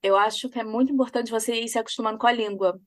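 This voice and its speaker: Brazilian lady chatting on a podcast, kinda high voice, giggly storyteller, dead dry room. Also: fairly even intonation, racing, no room sound. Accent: Brazilian Portuguese. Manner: chatty, laughs often while telling stories. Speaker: podcast co-host. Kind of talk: casual chat.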